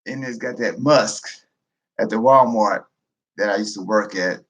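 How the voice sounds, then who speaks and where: A man, a military veteran, talking in a loud, profane, casual monologue, breaking into laughter as he goes. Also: fairly low pitch, a little slow. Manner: loud, profane, laughing asides, animated rant.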